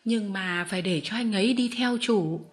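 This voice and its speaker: A woman voicing a gentle, gracious lady. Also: mid-range voice, moderate pace, natural voice. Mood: soothing. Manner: soft, reasoning, kindly. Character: gentle, gracious noblewoman, a mother.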